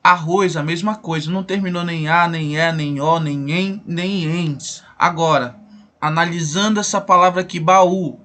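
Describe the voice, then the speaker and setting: A man's voice: a little high, steady tone, normal speed, sharp tone. A man with a Brazilian Portuguese accent teaching a grammar lesson, asking questions and answering them himself while repeating the rules.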